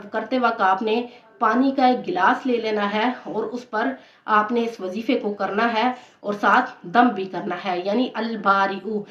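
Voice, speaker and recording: A woman, a religious teacher, giving patient devotional instruction and repeating key points steadily. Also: a little high. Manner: steady, patient explaining with frequent repetition. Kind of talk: devotional instruction on prayer recitations. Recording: roomy, dull lo-fi recording.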